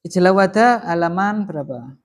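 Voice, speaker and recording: Male teacher, classroom lesson, animated emphasis, asks students questions. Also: sits high, normal speed. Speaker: teacher of Arabic grammar. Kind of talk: classroom lesson with call and response.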